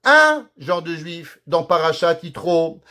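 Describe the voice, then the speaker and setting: A rabbi teaching a recorded Torah class in a fairly high voice. He works through Hebrew words one at a time and keeps asking his listeners questions. He sounds like a patient teacher going over a text. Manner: explains Hebrew terms and verses slowly, teacher-like; lively, rhetorical questions to the audience.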